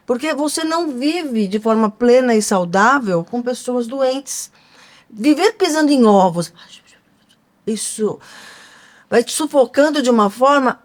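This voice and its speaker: A woman co-hosting a podcast, talking earnestly and emphatically, posing rhetorical questions. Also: on the high side. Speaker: podcast co-host. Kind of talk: conversational podcast talk.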